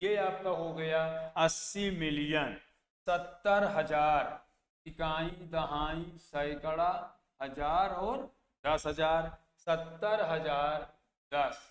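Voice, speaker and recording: Extremely slow and steady in tone, a man with a higher voice teaches an exam-prep math lesson, repeating place values as he questions and answers himself. The space is echoey, with long reverb and faint background noise.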